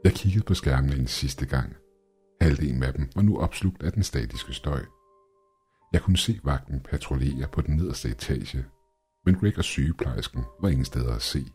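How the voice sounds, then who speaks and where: Very deep, husky male horror narrator. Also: expressive, a little mellow, soft background music. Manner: tense, measured storytelling.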